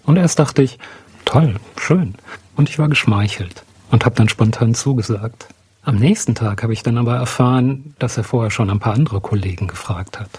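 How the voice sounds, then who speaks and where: A man in his fifties, a psychologist and psychotherapist, recalling an early career episode calmly and reflectively. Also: mid-range voice, moderate pace, breathy edge. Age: 50s. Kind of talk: interview recollection.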